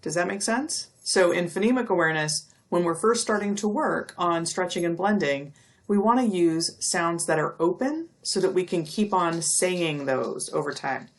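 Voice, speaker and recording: A middle-aged woman giving a recorded lecture, explaining step by step and stretching out speech sounds slowly to demonstrate them. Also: on the low side, animated. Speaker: university lecturer.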